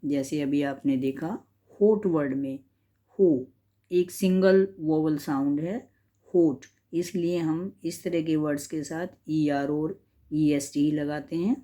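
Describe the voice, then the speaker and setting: Woman teacher, low mellow voice, slow careful explaining, grammar lesson. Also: steady tone. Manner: slow, careful explaining, mixing English and Hindi. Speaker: language teacher.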